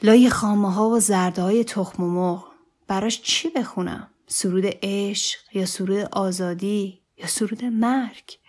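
A worn-out middle-aged man , voiced by a female reader, grumbles to himself in bitter, questioning thoughts. It stays close to the storyteller's own even voice, only slightly raised. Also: mid-range voice, natural voice. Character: weary, trapped middle-aged man at a party. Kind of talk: audiobook story reading.

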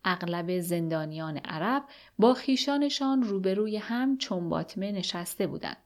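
A woman reading a novel aloud as an audiobook, with steady, measured first-person narration. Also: mid-range voice.

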